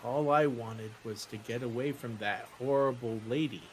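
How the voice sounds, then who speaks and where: A man voicing a small, timid, gentle magical creature in tabletop role-play, speaking softly and haltingly in earnest. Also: medium pitch, a little hiss or hum, lightly acted, low-quality recording. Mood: wounded.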